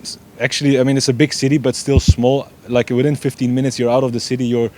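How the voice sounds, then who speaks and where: Guesting on an interview, a young adult race director from Belgium talks eagerly and casually, leaning on "yeah" a lot, his grammar loose in a non-native way. He's a fast talker with a mid-range, darkish voice and a flat delivery.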